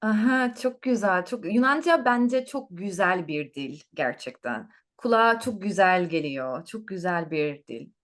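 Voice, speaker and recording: Lively, melodic woman interviewing. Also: on the low side, a little slow, hardly any pauses. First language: Turkish. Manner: encouraging, repeats phrases simply for the learner. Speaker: interviewer, language teacher. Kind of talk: casual interview chat.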